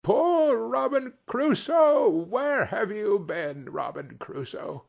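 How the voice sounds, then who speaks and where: A man voicing an excitable old man in a storybook, nostalgic and boyish, exclaiming between laughter and tears. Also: very high voice, takes it slowly, gravelly, pitched above the performer's own voice, heavily acted. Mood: excited delight. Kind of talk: dramatized storybook character voice.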